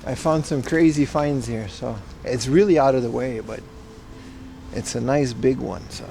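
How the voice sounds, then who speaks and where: A man's voice: medium pitch, moderate pace, gravelly, warm tone, slight background noise. A man talking into a livestream headset mic, rambling casually outdoors as a live-stream host. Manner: rambling, laid-back, swears casually. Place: outdoors in a city, near a parking garage.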